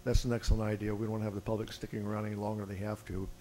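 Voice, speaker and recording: Deep flat-toned man chairing a meeting. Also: very fast. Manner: procedural, with dry joking asides. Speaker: board chair. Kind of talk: running a public board meeting. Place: public board meeting room.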